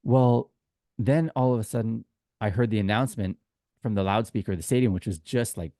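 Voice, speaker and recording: Speaking briskly in a low, mellow voice, a sports podcast co-host who also guides tours shares casual anecdotes. He's a chatty, informal storyteller who acts out quoted exchanges. Clean studio sound, with no room sound.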